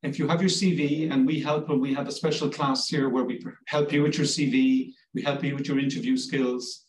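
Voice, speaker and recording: A man's voice: mid-range voice, flat delivery, brisk, echoey room, recorded from a distance, low-quality recording. A man from Cork with an Irish accent, a language school director chatting reassuringly in an interview with many restarts. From Ireland, Cork. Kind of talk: promotional interview answers.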